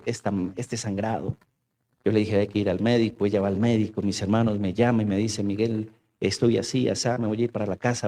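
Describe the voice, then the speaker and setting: Pastor guy, middle-aged, warm low-toned voice, preaching and telling his own story, keeps saying brothers. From Colombia. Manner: storytelling, repeating "mis hermanos", voice rising and dropping with emotion. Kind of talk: sermon with personal testimony. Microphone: radio studio or church mic.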